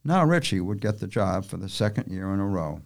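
A man narrating a novel aloud in a folksy, unhurried storytelling manner with rural turns of speech. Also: low voice, sing-song, vocal fry. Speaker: audiobook narrator.

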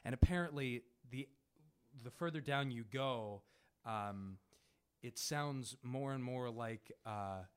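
A man with a Pittsburgh accent, a podcast guest who talks haltingly with many restarts in a casual chat. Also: medium pitch, clear, resonant tone.

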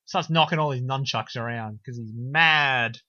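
A young man casually recapping a film on a podcast, sarcastic and animated, slipping into silly voices. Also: mid-range voice, normal speed, no echo. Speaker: podcast co-host. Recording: dull lo-fi dry recording.

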